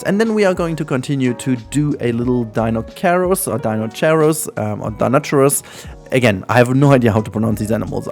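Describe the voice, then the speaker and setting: A gaming channel host with a German accent, German being his first language, chats his way through casual gameplay commentary, rambling and saying "um" a lot. His voice is medium-pitched and a little mellow, with faint music in the background.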